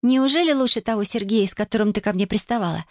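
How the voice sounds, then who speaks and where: A woman's voice: mid-range voice, fast talker, no echo, clean studio sound, voice pushed up, natural voice. A woman reading an audiobook voices a playful, mocking teenage girl who teases her family. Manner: mocking, giggly, exclaiming.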